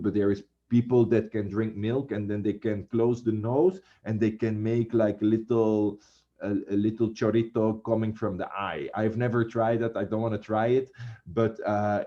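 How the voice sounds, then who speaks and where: Chatty teacher guy, lowish voice, muffled lo-fi sound. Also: warm tone. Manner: chatty, addresses students as guys. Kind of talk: classroom lecture.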